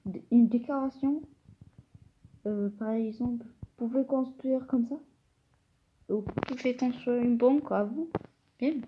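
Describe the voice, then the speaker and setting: Slow, hesitant woman with noisy recording. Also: on the high side, muffled recording. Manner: hesitant, explains step by step to viewers. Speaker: gamer showing a build. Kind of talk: casual game walkthrough. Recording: noisy home recording with clicks.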